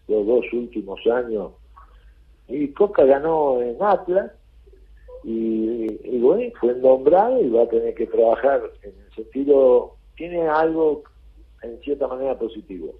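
A man with a Rioplatense Argentine accent speaks bluntly and colloquially as a football coach guest on a radio show. His voice sits at an ordinary pitch. It comes through a thin, tinny phone line. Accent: Rioplatense Spanish. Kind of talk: radio interview.

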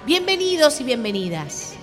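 High-voiced Argentine woman, playful children's host. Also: big pitch swings, normal speed, in a large hall, music in the background. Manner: theatrical, draws words out.

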